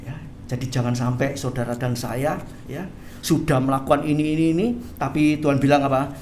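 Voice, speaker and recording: A pastor preaching an animated sermon, often tagging phrases with "ya". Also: mid-range voice, fairly quick, a little hiss or hum. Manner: animated, tags phrases with "ya", acts out quoted voices. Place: church hall, livestreamed service. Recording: echoey church hall.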